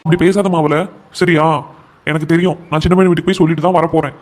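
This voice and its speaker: A devoted young cartoon husband, voiced by a man, talking in a raised, fairly high voice. He pleads with his mother and stands firm for his wife, words tumbling out very quickly. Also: little pitch movement, lightly acted. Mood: pleading. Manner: earnest, pleading, stubbornly defends his wife. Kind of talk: cartoon voice acting.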